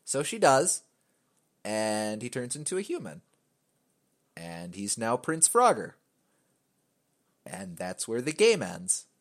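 A man with a fairly low voice hosts a casual podcast chat. He rambles and hedges, restarting his sentences and filling the gaps with "uh." His humor stays wry and offhand throughout. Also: wildly swooping pitch, takes it slowly, long pauses. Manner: rambling, many fillers and restarts; wry, joking. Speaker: podcast host.

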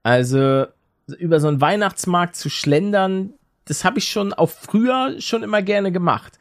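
A man's voice: sits high, expressive. A young man co-hosting a casual comedy podcast, rambling and joking. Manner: rambling, jokey, quick to laugh. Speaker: podcast co-host.

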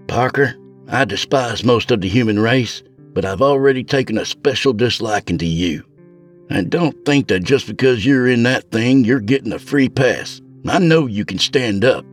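A man's voice: medium pitch, animated, moderate pace, faint music behind, pitched above the performer's own voice, close to an everyday voice. A man voicing a stiff, militant female jail deputy who talks with open contempt. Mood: contemptuous. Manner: barking, contemptuous.

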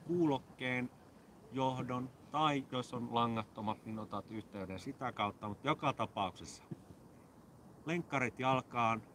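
A man's voice: medium pitch, fairly bright tone, a little hiss or hum. A man co-hosting a podcast, giving jokey mock-serious fitness instructions in casual chat. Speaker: podcast co-host.

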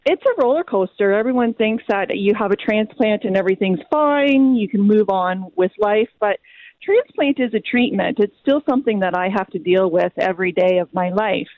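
A woman's voice: mid-range voice, normal speed, no echo. A Canadian woman in her forties, a guest speaking earnestly with frequent ums in an interview over a tinny phone line.

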